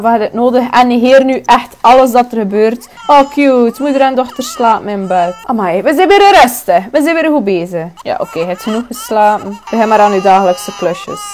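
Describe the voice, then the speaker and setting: A young woman with a Flemish accent giving chatty, excitable commentary while playing a life-sim game, exclaiming and swearing often. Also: a little high, a little hiss or hum. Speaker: gaming YouTuber. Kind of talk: casual let's-play commentary.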